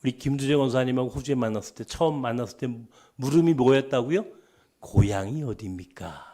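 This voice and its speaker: A man's voice: medium pitch, fast talker. A middle-aged Korean man preaching a sermon as pastor, with a light Chungcheong dialect, telling stories and acting out conversations, sometimes dropping to a whisper. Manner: animated storytelling, acting out dialogues, dropping to whispers.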